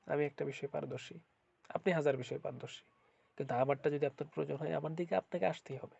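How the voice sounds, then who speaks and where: A man's voice: a little high, fairly even intonation, quick pace, gravelly, darkish tone, husky. A man with a cold-blocked, congested nose, giving an informal religious talk as a spiritual healer, often repeating his phrases and asking rhetorical questions. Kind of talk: informal religious talk to viewers, with Quran recitation. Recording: dull, lo-fi sound.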